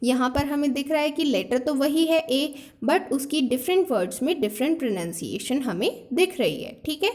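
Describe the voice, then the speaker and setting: High-voiced woman teaching a lesson. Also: animated, a little mellow. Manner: Hindi-English mixed explanation, repeats points, reads out example words slowly. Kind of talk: classroom lesson explaining phonetics.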